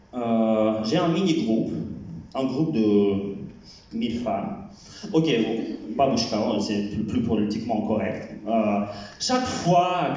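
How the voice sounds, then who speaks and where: A man doing a stand-up set as a French teacher, talking haltingly with many fillers and repeated words. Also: mid-range voice, dark tone. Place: comedy club stage. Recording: echoey hall from far off, dull sound.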